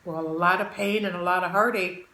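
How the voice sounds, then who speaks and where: A woman's voice: fairly low pitch, fairly even intonation, fairly quick, sharp tone, echoey room. A woman in her sixties hosting her channel, chatting while she eats and giving folksy, motherly advice to viewers she calls babies. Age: 60s. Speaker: channel host. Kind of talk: casual chat while eating.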